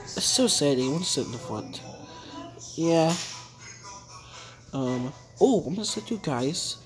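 A hobby animator improvises a cartoon play-along story over music, rambling playfully as she narrates and slips into character voices. Her voice sits low, expressive and a little slow.

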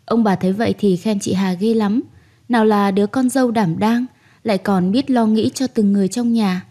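A young woman narrates a first-person story at a calm, measured pace. Her voice is mellow and warm, with ordinary pitch.

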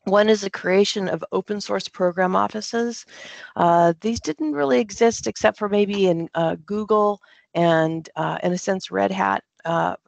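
A man speaking as a panelist on a video call, presenting opening remarks in a measured way with frequent fillers. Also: high-pitched, creaky, no echo. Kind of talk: conference talk on a video call.

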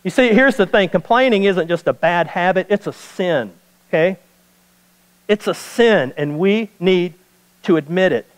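A man's voice: high-pitched, animated, unhurried, clear, resonant tone, big-room sound, low-quality recording. A man preaching a sermon as pastor, repeating key points for emphasis.

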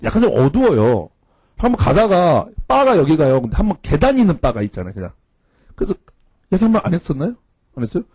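Male cram-school teacher, casual and slangy storyteller, expressive swooping delivery, husky tone. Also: fairly high pitch, fast talker, no room sound. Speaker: cram school English instructor. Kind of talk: anecdotal classroom storytelling.

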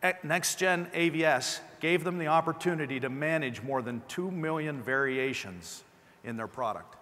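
A middle-aged company presenter with a slight lisp delivers a keynote on a large indoor conference stage, speaking through a clip-on lapel mic. His voice is a little high, bright and forceful, at a normal speed. The amplified hall has a long reverb, with slight background noise.

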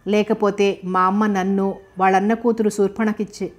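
A woman's voice: medium pitch, flat delivery, moderate pace, lightly acted. A woman reading the lines of a playful young man who persuades a girl to join his scheme, in an audiobook. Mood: teasing. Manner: teasing, persuasive.

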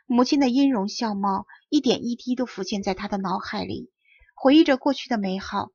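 A woman teacher narrating a children's audiobook in a steady, expressive storytelling manner. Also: mid-range voice, vocal fry, breathy edge, dry recording. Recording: dull lo-fi audiobook recording.

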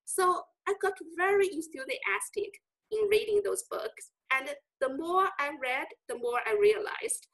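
A woman's voice: unhurried, rough recording. A woman in her forties from China with a Chinese accent, a scholar answering interview questions earnestly over a video call. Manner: earnest and reflective, lively pitch swings. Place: indoor room with bookshelves.

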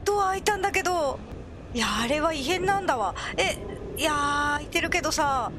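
A woman commentating on a horror game as she plays, excitable and prone to crying out when scared. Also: very high-pitched, fast talker, background noise. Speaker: video game player.

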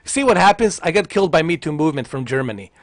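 With a slightly high, sing-song voice and a quick pace, this man offers casual gameplay commentary while streaming from home. He's in his thirties, teasing chat, joking and cursing into a large foam headset mic, with slight background noise.

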